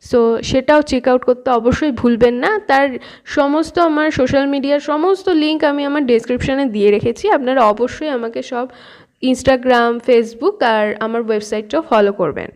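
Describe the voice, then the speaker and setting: High-voiced woman teaching pronunciation. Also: a little mellow. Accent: Bengali. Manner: patient, repeats sounds slowly to demonstrate. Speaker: language teacher. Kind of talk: language lesson explaining pronunciation.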